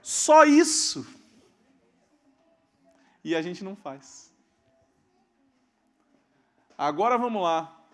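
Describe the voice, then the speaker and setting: A man preaching a sermon as pastor, asking questions of the congregation and swinging between loud emphasis and quiet asides. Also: high voice, sing-song, extremely slow, pauses often. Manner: calls out questions to the congregation and waits for amens. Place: church hall.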